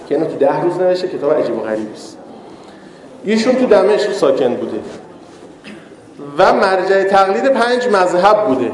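A man's voice: fairly high pitch, a little mellow. A man preacher giving a religious lecture, telling stories and asking rhetorical questions. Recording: echoey hall.

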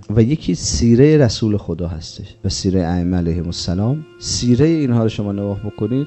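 A man with a low, mellow voice delivers a religious sermon. He speaks emphatically, asks rhetorical questions and acts out the words of others. Soft music plays faintly behind him. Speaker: preacher.

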